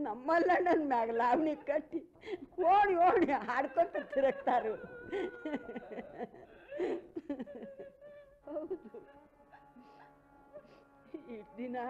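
A high, slow, wailing village mother mourns. The radio drama recording is muffled, with music underneath. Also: darkish tone. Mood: proud. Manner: wailing, tearful, slow and heavy. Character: grieving village mother Narasamma, proud of martyred son.

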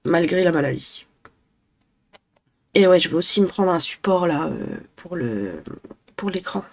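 A woman's voice: lowish voice, very animated, unhurried, vocal fry, a little hiss or hum. A young woman from northern France chatting at home in a casual vlog, rambling and hesitant with many fillers. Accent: northern French. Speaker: vlogger. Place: apartment at home.

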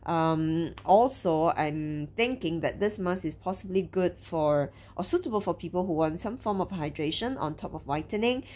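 A young woman talks casually with a sheet face mask on, her voice rising and falling in a lively way. She drifts and hunts for words as she describes how her skin feels. She is recorded indoors on a camera mic. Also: lowish voice, normal speed, hardly any pauses. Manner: chatty, trailing off and searching for words. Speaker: beauty reviewer. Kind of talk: casual product review.

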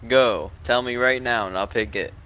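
Forceful, slangy male game streamer. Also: medium pitch, moderate pace. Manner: crude, jokey, slangy. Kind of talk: casual live gameplay commentary.

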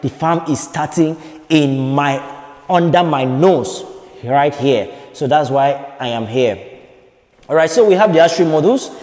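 A young man from Nigeria giving a walking video tour of a fish farm, talking haltingly with many fillers and repeated phrases. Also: fairly high pitch, a little mellow. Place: large concrete fish farm buildings, partly open-air. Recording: long reverb in bare concrete halls.

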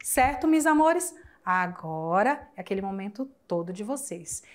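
Young adult Brazilian woman, school teacher on recorded lesson, chatty and warm toward students, slow word-by-word drills. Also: medium pitch, big pitch swings. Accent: Brazilian Portuguese. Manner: affectionate, chatty, asks rhetorical questions and answers them; spells out words slowly syllable by syllable. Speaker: Spanish teacher. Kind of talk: recorded online class explanation.

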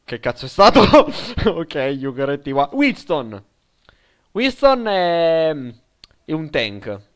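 A young Italian man commentates his own live game, swinging between low mumbling over the controls and loud, high-pitched yells in every firefight. His lively voice is smooth and clear, and his unhurried pace speeds up only in bursts of excitement. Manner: excitable, shouting during fights, mutters setup aloud. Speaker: gaming streamer.

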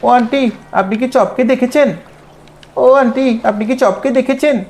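A man's voice: very high voice, normal speed. A man voicing a cheeky, mischievous little boy as role-play commentary over a game. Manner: childish, excitable, calls out repeatedly. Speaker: gameplay creator.

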